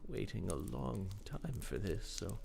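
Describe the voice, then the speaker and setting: An actor playing a very old grandfather in a video game, with a creaky aged voice, telling a story slowly, haltingly, gentle but grave. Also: on the low side, lively intonation, a little hiss or hum, full character voice. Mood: gentle, hesitant.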